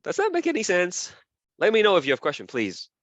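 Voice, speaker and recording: A man's voice: sits high, wildly swooping pitch, fairly quick, fairly bright tone, no room sound, dull audio. A man lecturing a class, repeating key terms as he draws and often asking "okay?" and "right?".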